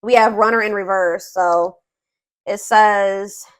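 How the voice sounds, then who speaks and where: A woman hosts a tarot reading for viewers, speaking slowly at a medium pitch with fairly even intonation. She keeps it casual and conversational, thinking aloud and searching for words as she goes, and stresses certain points emphatically.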